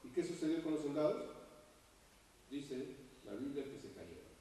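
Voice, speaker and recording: A man delivers a sermon in a big hall, heard from a distance with a long echo. His voice is mellow and somewhat high. He gets animated and loud when he acts out quotes and asks questions. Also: moderate pace, a little hiss or hum. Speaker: preacher. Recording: echoey hall heard from far off.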